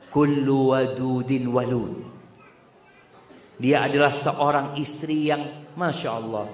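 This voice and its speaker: A man's voice: on the high side, slight background noise. A man giving a religious lecture to a congregation, speaking straight to the audience and quoting Arabic scripture. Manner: addresses the audience directly, quotes Arabic scripture. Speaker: preacher. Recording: echoey hall with long reverb.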